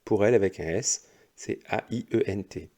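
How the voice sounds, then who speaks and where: A male primary school teacher going over exercise answers slowly and patiently, one step at a time. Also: lowish voice, mellow. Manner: slow, patient, explains step by step. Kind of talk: recorded lesson correcting exercises.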